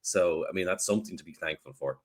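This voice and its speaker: A man co-hosting a podcast, arguing his point in casual debate with wry, deadpan sarcasm. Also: low-pitched, quick pace. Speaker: podcast co-host.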